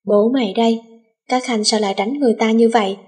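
A woman's voice: on the high side, steady tone, fast, darkish tone, close to an everyday voice. A woman doing an aloof boy playing emperor. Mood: mock-regal. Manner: mock-regal, gruff commands.

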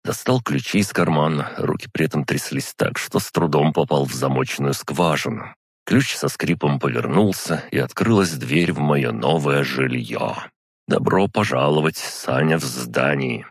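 A man narrating a first-person audiobook in a measured, dry storytelling manner. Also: very deep voice, breathy edge, no echo.

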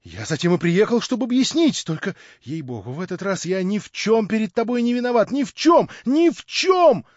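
A man voicing an excitable, eager young man who pleads in high, loud exclamations. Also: a little fast, hardly any pauses, no echo. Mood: ecstatic pleading. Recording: dull dry lo-fi recording.

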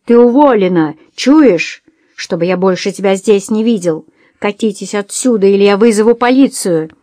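A woman voicing a nervous, bad-tempered old man who blusters and shouts. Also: medium pitch, animated, moderate pace, dry recording, clean studio sound, natural voice. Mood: angry.

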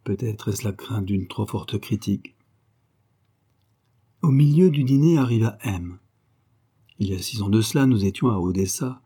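Man reading a diary aloud, dark husky voice. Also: on the low side, moderate pace, long pauses. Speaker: audiobook reader.

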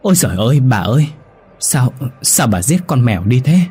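A man's voice: mid-range voice, big pitch swings, normal speed, a little mellow, husky, pitched above the performer's own voice. A man voicing a timid young female servant who stammers in alarm, in a ghost story.

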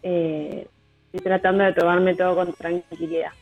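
A woman in her thirties with an Argentine accent, a musician guest talking in a relaxed, hesitant way with many fillers. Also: on the low side, normal speed. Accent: Argentine Rioplatense. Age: 30s. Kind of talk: casual radio interview. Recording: tinny phone line with music bed.

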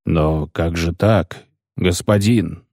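A male narrator voices a grim hooded executioner who speaks in a hollow, graveside tone. He talks slowly and sullenly. The reading is dry. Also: lowish voice, big pitch swings, a little mellow, slightly rough, no echo, exaggerated voice. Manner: hollow, sepulchral, slow and gloomy. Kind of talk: audiobook character voice.

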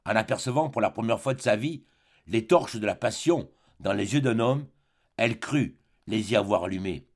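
A man reading a literary audiobook in a measured, dramatic way. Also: lowish voice. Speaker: audiobook reader.

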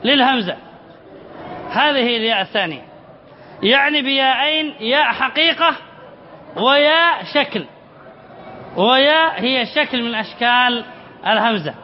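A man gives a spelling lesson as a sheikh before his students, his voice pitched very high. He poses questions, answers them himself and repeats key phrases slowly. The recording sounds somewhat dull, with a faint hiss behind him. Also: lively intonation. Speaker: sheikh teaching Arabic spelling. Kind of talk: classroom lesson. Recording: slightly dull recording with faint background noise.

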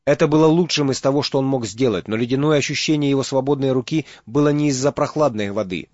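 A man reading an audiobook as narrator, in steady dramatic storytelling. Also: mid-range voice, quick pace, no echo, muffled recording. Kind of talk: scripted narration.

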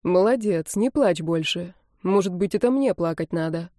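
Woman reading as a young guy in love, soft and teasing, slow easy delivery, mellow warm tone, dry close sound. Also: on the low side, expressive, no echo, lightly acted. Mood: tender.

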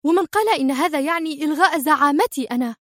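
Narrator putting on a high fast-talking mafia queen, bossy and furious, dry audiobook. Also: fairly bright tone, dry recording. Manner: shrill, rapid outbursts. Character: furious female mafia boss, sharp-tongued.

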